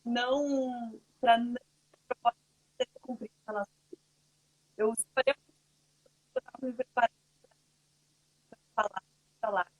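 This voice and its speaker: Woman, higher voice, glitchy cutting-out call audio, earnest, halting restarts. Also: steady tone, dry recording, dull audio. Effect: glitchy, cutting-out internet call audio. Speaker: interview guest, mother of four. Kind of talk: casual faith-based conversation. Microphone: video call.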